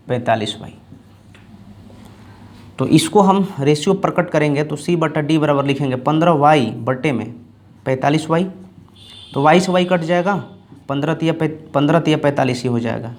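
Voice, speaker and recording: A male math teacher giving a board lesson, repeating each term slowly and checking in with his students. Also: fairly high pitch. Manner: repeats terms slowly, checks in with "ठीक ना" and "दोस्तों".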